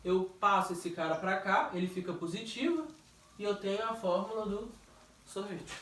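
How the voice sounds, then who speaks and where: A male physics teacher giving a relaxed, joking review and quizzing a student. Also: high-pitched. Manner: jokey, questioning, drawn-out stressed words. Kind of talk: informal classroom review. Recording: echoey room, distant mic.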